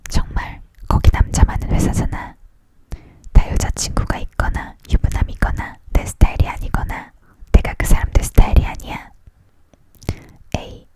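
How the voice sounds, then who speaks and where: A storyteller reading a novel aloud in a whispered ASMR style, leaning in to whisper. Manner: leaning in to whisper, hushed narration.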